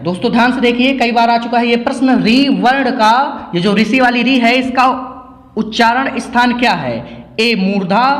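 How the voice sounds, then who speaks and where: A man giving a quiz-style grammar lesson for exam preparation, asking each question and answering it himself, repeating the key memory tricks. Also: very high voice. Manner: drills answers by repetition, asks questions then answers them. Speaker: exam-prep teacher. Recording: echoey room with long reverb.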